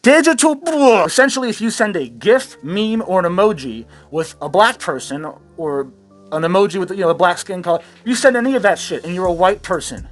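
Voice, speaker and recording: With soft background music behind him, a man whose voice sits high rants briskly and with lively intonation as host of a satirical commentary channel. The profane rant is sarcastic and rambling, and he swears freely while clearly entertaining himself.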